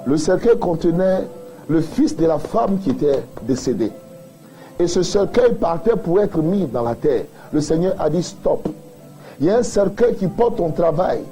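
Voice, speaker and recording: A pastor preaching a sermon, building emphatic repeated refrains and addressing the listener directly. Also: male voice, a little high, very animated, normal speed, warm tone, faint music behind, low-quality recording.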